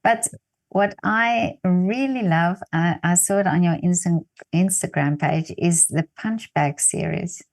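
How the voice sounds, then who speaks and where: A native Afrikaans-speaking woman with a South African Afrikaans accent, chatting as an interviewer and haltingly searching for her words. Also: fairly low pitch. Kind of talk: casual conversational interview.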